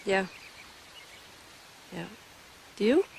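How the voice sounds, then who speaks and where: A woman's voice: medium pitch, sing-song, drawn-out words, vocal fry, a little mellow, slight background noise. A woman in her thirties, interviewed alongside her mother, recalling a childhood memory in a casual, chatty way. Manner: casual, chatty, with small laughs. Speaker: interviewee, daughter. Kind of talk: casual spoken recollection.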